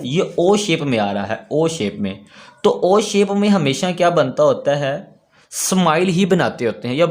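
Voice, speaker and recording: A man teaching a class, patiently asking his own questions and repeating each key word slowly. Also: fairly high pitch, a little mellow. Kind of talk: classroom lesson.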